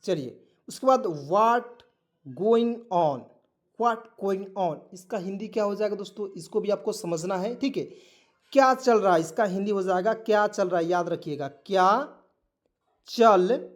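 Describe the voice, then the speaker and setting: A man's voice: sits high, a little slow. A man with a Hindi accent teaching spoken English, spelling words letter by letter and checking in with his students. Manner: repetitive, keeps asking "ठीक है" and quizzing. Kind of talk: online spoken-English lesson.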